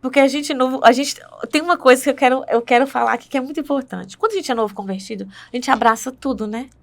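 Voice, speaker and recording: A woman's voice: high voice, fast talker, creaky. A woman with a Brazilian Portuguese accent telling her faith testimony in conversation, earnest and full of tag questions.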